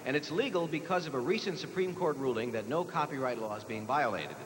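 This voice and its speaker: An American man hosts a live quiz show, reading questions out to the players. He speaks at medium pitch, expressively and quickly. The old TV broadcast is noisy and the hall echoes.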